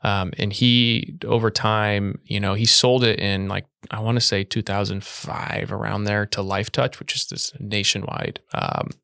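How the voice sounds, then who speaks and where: A young man from Iowa chatting as a podcast guest, relaxed and quick to laugh. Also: on the low side, gravelly, clean tone, no echo, clean studio sound. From Iowa, USA. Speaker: podcast guest, video production business owner. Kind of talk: casual interview conversation.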